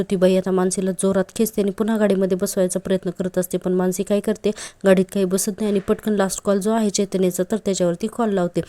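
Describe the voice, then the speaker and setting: A woman, casually recapping a TV serial episode and talking straight to her viewers. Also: mid-range voice. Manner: chatty, addresses viewers directly, animated retelling.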